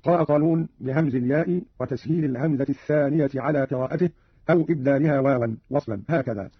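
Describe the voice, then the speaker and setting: A man with a husky, breathy voice explains in a quick, scripted radio delivery and chants short quoted verses. The sound is dry and dull, like an old radio archive. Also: medium pitch, dry recording. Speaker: radio presenter explaining readings.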